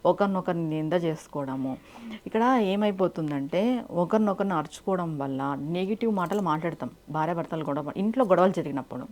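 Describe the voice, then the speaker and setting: Woman giving spiritual tips, low voice, talks fast, lots of rhetorical questions. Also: expressive, darkish tone. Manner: direct and instructive, fires rhetorical questions. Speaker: spiritual speaker. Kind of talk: devotional advice talk.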